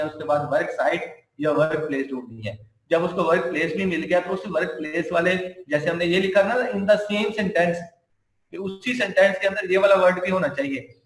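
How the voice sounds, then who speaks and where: A man's voice: high voice, a bit bright, reverberant, poor audio. A man giving a recorded computer science lecture, explaining each point step by step and repeating it.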